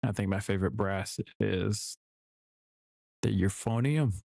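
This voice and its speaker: A man with a very low, mellow voice rambles easily while he works on his music, correcting himself as he goes. The sound is dry and close, with no room around it. His tone stays relaxed and unhurried. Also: creaky, dry recording. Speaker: music producer streaming his work. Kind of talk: casual commentary while working.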